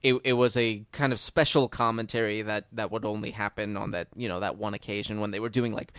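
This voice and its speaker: A man's voice: on the low side, a little fast, no room sound, clean studio sound. A man chatting casually, rambling with lots of fillers as he tells a story. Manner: rambling, many fillers, gets louder when excited. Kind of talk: casual chat.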